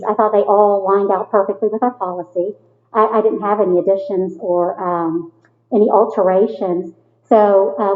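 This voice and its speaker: A woman with a Kentucky accent speaks at a board meeting, earnest and measured, pausing on little fillers. The sound is thin and phone-like. A long reverb hangs behind her words. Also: mid-range voice. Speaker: school board member. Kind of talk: formal meeting discussion. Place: meeting room. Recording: echoey hall over a thin phone-like line.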